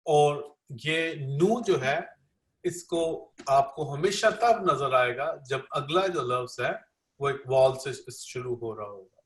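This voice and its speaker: A man live-interprets a classroom lecture, repeating each line and using many fillers. His voice is medium in pitch and he speaks slowly, recorded in an echoey room.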